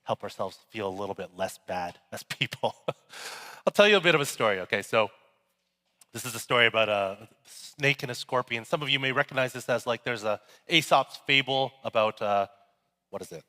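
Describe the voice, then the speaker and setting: A man's voice: medium pitch, lively intonation, fairly quick, sharp tone. Man preaching casually in an echoey hall. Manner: casual, joking, conversational preaching. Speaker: pastor. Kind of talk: sermon.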